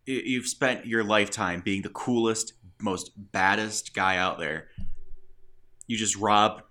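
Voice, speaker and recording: A man with a fairly low but bright, forward voice tells scenes in a relaxed chat. He gets animated as he goes and laughs between lines. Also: a little slow. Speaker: co-host. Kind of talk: casual chat.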